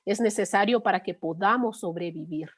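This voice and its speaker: A middle-aged woman leads a course session. She speaks at a mid pitch and an even pace, and talks patiently and conversationally. She often pauses to check in with her listeners. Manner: patient, conversational, frequent 'eh' and '¿no?'. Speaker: course instructor. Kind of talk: explaining with everyday examples.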